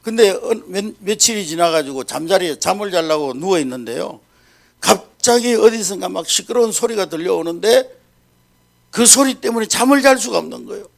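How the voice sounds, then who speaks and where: A male pastor telling a story in an animated sermon, often checking in with the congregation. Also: high-pitched, moderate pace, gravelly.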